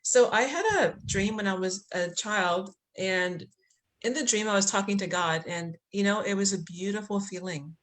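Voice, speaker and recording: A woman's voice: medium pitch, moderate pace, a bit bright. A woman from Liberia, a podcast guest, telling a spiritual story in a reflective way with many fillers. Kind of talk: conversational interview.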